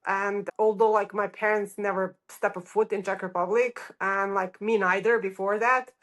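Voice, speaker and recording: A middle-aged Serbian architect appearing as a podcast guest tells her story in an informal, chatty way peppered with "like," with a Serbian accent. Her voice is medium-pitched and fairly bright, with flat delivery at a moderate pace.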